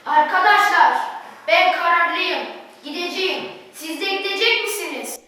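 Earnest teenage boy volunteer, played by a woman in a school drama: very high, bright, declamatory, echoey room. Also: moderate pace, slight background noise. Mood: determined. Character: earnest patriotic teenage boy eager to enlist.

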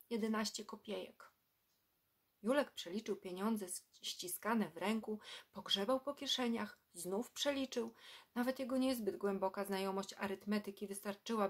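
A woman reading a children's book aloud in a measured storytelling manner, dropping her voice for dramatic moments. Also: medium pitch.

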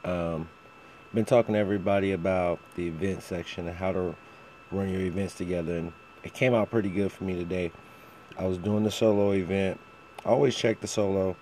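A man's voice: deep voice, steady tone, brisk, warm tone, slight background noise. A man giving a casual walkthrough of a mobile game, with a fan running in the background. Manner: frequent throat clearing. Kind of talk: casual video walkthrough commentary.

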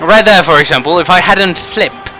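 A man giving frustrated gameplay commentary, swinging between muttering and shouting. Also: high-pitched, normal speed, faint music behind, low-quality recording. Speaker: gaming channel host.

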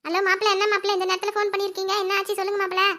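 A woman's voice: monotone, very fast, sharp tone. Woman putting on a fretful cartoon mother. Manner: fretful, pleading, higher voice. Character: worried middle-aged mother of the new mother.

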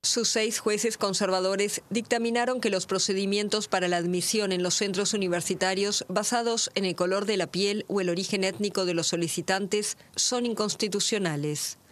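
A man reading a scripted news report as voice-over, in a steady, formal delivery. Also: high-pitched, moderate pace, few pauses. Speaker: news narrator.

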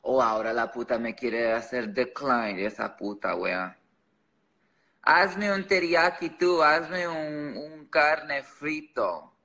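Chatting casually with his livestream audience, a Chicago man with an American accent and native English goes back and forth between English and Spanish, all sass and slang. He speaks slowly in a mid-range voice that is bright and forceful.

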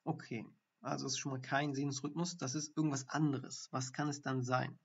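A doctor explains ECG findings step by step on a live stream, using fillers as he thinks aloud. His mid-range voice is gravelly with a breathy edge and shows little pitch movement, at a normal speed. The audio is dull, lo-fi stream sound.

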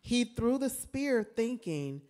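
Woman reading scripture slowly. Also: on the high side, sing-song, mellow. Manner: slow, careful reading. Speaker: class member reading scripture.

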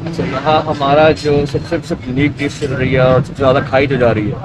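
A restaurant owner speaking through a face mask in a casual interview, patiently listing items step by step with filler pauses. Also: male voice, mid-range voice, fairly even intonation, a loud crowd, rough recording. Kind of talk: casual interview about his menu. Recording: music playing underneath.

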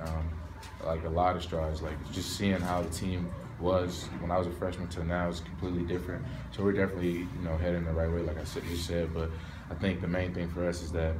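A young man, a college football player, answering postgame questions in a low-key, candid way from a stadium hallway. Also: noisy background. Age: young adult. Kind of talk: postgame press interview. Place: hallway of a stadium in front of a sponsor backdrop. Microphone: reporters' recorders held close.

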